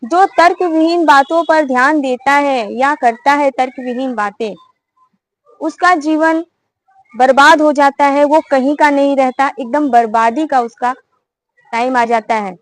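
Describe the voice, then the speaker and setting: A woman's voice: high voice, a little slow, no echo, low-quality recording. A woman voicing a clever old bird that mocks and lectures a hunter, in a preachy, scolding tone. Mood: lecturing. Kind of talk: storytelling.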